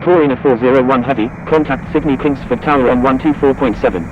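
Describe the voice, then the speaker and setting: A man's voice: mid-range voice, quick pace, narrow, tinny audio. A man giving formulaic, clipped aviation radio calls in a flight simulator. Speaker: radio voice in simulated air traffic. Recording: noisy simulated radio traffic.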